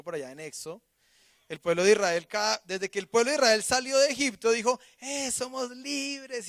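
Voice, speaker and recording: A man, preaching a sermon as pastor, animated and acting out quoted voices, swinging from loud to hushed. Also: high-pitched, no room sound, studio quality.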